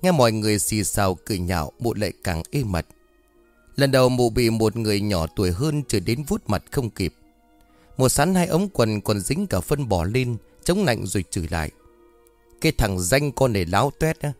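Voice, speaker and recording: Expressive male ghost-story narrator. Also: fairly low pitch, normal speed. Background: faint music.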